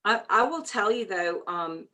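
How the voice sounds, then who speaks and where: A woman from New Orleans chats as an interview guest in a mid-range voice. She tells stories in a lively way and acts out what other people said. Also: mid-range voice, unhurried, rough recording. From New Orleans, USA. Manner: chatty, animated storytelling with quoted asides. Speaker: interview guest, shop owner. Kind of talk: casual conversational interview.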